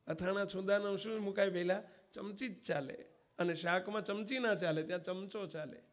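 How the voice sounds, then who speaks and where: A monk preacher telling a devotional story in a homely way, calling listeners brother and quizzing them. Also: male voice, high-pitched, fairly even intonation, moderate pace.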